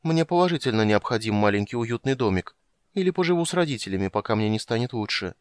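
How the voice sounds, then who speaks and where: A man voicing a small, excitable and fretful kender man who talks nervously and eagerly. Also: mid-range voice, quick pace, clear, resonant tone, no room sound, lightly acted. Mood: excited relief.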